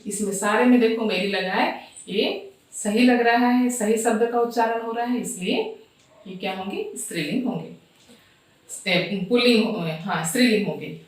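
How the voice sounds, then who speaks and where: A woman teaching a grammar lesson, slowly reading out word lists and asking her class questions. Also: mid-range voice, distant mic. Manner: slow, repeats word lists and asks rhetorical questions. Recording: echoey room, voice off-mic.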